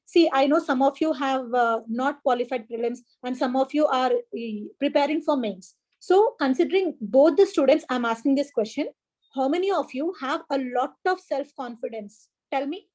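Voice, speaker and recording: The recording is low quality: a high, animated, slightly mellow female voice at a moderate pace, heard through a laptop or headset mic. She's an Indian English-accented exam coach teaching live online, calling students by name, encouraging them, and repeating the essentials.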